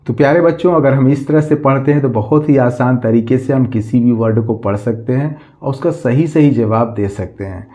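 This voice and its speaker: A man teaching a class, slowly spelling words out letter by letter, asking questions and answering them himself. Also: medium pitch, a little mellow, muffled recording. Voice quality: slow, drawn-out letter-by-letter spelling, repeating questions.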